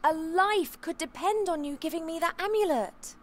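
A woman voicing a young, plucky, polite elf princess in a video game, expressive and articulate. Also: very high-pitched, normal speed. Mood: concerned. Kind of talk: video game character acting.

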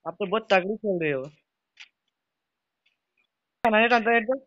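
A man's voice: high-pitched, moderate pace, lo-fi sound. A man giving urgent, repeated callouts to his squad while playing a mobile battle royale game.

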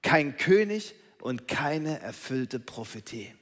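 A man preaching a sermon dramatically, swinging between loud calls and hushed whispers. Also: medium pitch, very animated, takes it slowly. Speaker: pastor. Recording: long reverb of a large hall.

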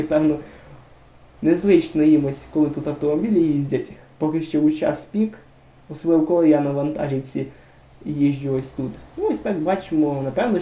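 A man's voice: a little high, mellow, dull audio. A man giving casual, chatty commentary over a driving game, musing aloud and talking straight to his viewers. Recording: roomy echo.

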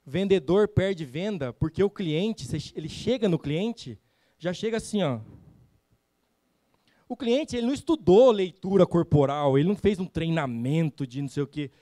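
Brazilian man, high pitch, dry close sound; lively, slangy sales trainer who acts out dialogues on stage. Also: moderate pace, no echo. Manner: animated, acts out customer dialogues, slangy and blunt. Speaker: sales trainer speaking at a summit. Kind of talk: motivational sales talk. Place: event stage.

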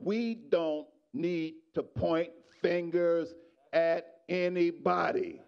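A middle-aged pastor preaches a sermon in a church sanctuary, using a handheld microphone and swinging between shouted exhortation and quiet asides to the congregation. His voice sits high and is creaky, and the recording is muffled.

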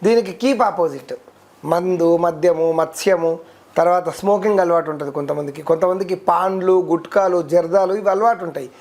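A man, a devotional guest explaining worship rules in a steady, teacherly way, listing terms one by one. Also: high voice, a little fast. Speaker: devotional guest speaker on ritual. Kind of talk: explanatory interview talk.

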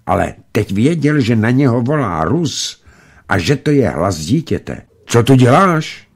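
A man reading a novel aloud in a measured, expressive storytelling manner for radio. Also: fairly low pitch, creaky, husky. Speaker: narrator.

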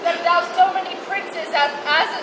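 A woman's voice: very high-pitched, steady tone, a crowd in the background. A woman playing a commanding, solemn royal soldier in outdoor Shakespeare, formal and declamatory. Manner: declamatory, formal, drawn-out phrases. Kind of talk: outdoor Shakespeare stage acting. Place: open-air plaza stage at night. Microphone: far camera. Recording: noisy outdoor stage, distant camera.

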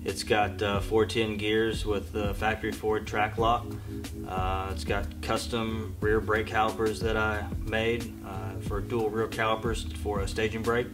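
A man in his thirties reciting the parts list of his car build in a steady, matter-of-fact way, with frequent "uh" and "um". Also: lowish voice, measured pace, over music. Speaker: car owner. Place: garage shop, indoors.

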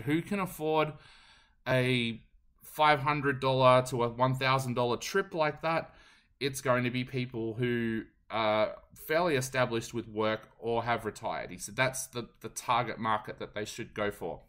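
Australian male host, solo commentary, relaxed and chatty with fillers. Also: medium pitch, moderate pace. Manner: conversational, frequent ums, relays what others told him. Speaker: podcast host.

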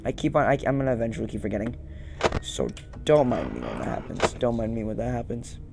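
A young man narrates his gameplay casually for a gaming video, repeating short phrases to himself as game music plays. His medium-pitched voice is gravelly and very animated at a quick pace, captured in a small room at home on a very noisy recording.

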